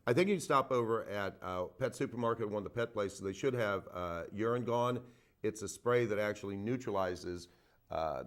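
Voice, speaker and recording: A man hosting a call-in show as a veterinarian, giving casual advice with lots of fillers and "okay?" check-ins. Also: lowish voice. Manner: folksy, repeats himself, frequent "okay?" and "uh". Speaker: veterinarian radio host taking calls. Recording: phone-in radio.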